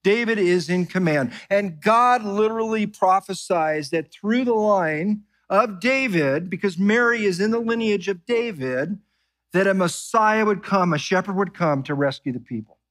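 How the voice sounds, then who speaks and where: A man preaching a sermon, who keeps asking his listeners questions and reads scripture slowly and softly. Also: high voice. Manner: animated preaching, asks the congregation questions. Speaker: pastor.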